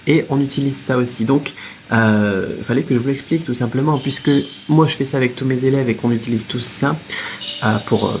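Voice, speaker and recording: A man who teaches languages, talking casually to camera in a vlog, chatty and lively with many fillers and restarts. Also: mid-range voice, slight background noise. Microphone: separate microphone.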